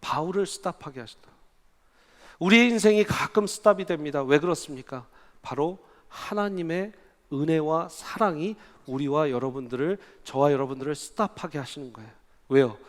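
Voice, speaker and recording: Guy preaching at a revival, higher voice, lots of questions to the crowd, big echoey church hall. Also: normal speed. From Gyeonggi Province, South Korea. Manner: animated, asks the congregation questions. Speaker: guest preacher. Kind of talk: revival sermon.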